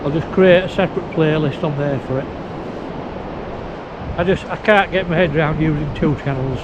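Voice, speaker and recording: A man's voice: a little high, normal speed. A man vlogging casually outdoors on a windy beach, his speech impeded by a sore mouth and new teeth, as if he has toothache. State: sore mouth, in pain after tooth extraction. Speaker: video blogger. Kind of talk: casual outdoor vlog, talking to camera. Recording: windy, noisy, muffled outdoor audio.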